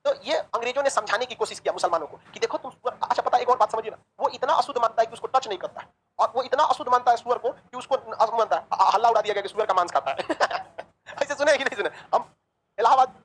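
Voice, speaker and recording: A woman teaching a history class, lively and joking, asking the class questions and answering them herself. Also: on the high side, fast, husky, low-quality recording. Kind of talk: online class lecture.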